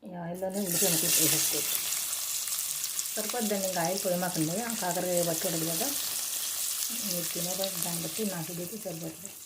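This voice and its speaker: Brief: quick, chatty woman cooking at home, explains steps, frying sizzle under her voice. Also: fairly low pitch, steady tone, heavy background noise. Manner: chatty, explains each step to viewers. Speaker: cooking vlogger. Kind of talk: casual cooking demonstration. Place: home kitchen. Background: frying and stirring sounds.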